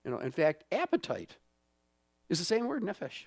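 Speaking at a normal speed, this high-pitched pastor swoops wildly in pitch, his tone on the dark side. He delivers his church sermon conversationally, leaning on fillers and often checking in with the congregation, and the recording has no echo.

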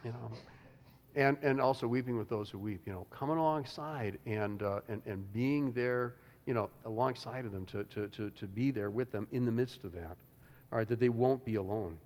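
A man's voice: mid-range voice, normal speed, a little mellow. A man preaching a conversational sermon as pastor, full of restarts and "you know", with occasional chuckles. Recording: long reverb of a hall.

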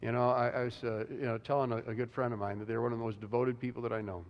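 Conversational pastor in a reverberant hall. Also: male voice, mid-range voice, flat delivery, very fast, muffled recording. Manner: conversational, many restarts and "you know", chuckles. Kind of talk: sermon.

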